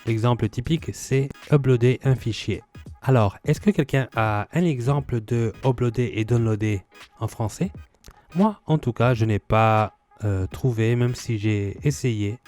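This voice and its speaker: A man's voice: medium pitch, a little slow, darkish tone, soft background music. A man doing a scripted, comedic vlog commentary, sounding exasperated and sardonic as he mocks how people pronounce borrowed words. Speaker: vlogger.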